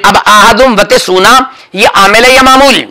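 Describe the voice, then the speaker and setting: A man teaching a classroom grammar lesson, drilling his students with rapid questions and calling out answers. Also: sits high, a loud crowd, rough recording. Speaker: religious teacher.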